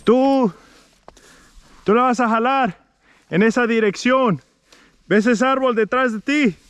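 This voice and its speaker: Slow-talking man giving halting jobsite instructions. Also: very high-pitched, fairly bright tone, smooth, dry recording. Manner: halting, repeats himself while instructing. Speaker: tree crew foreman giving instructions. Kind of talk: casual jobsite instructions, bilingual. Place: outdoors at a tree removal site.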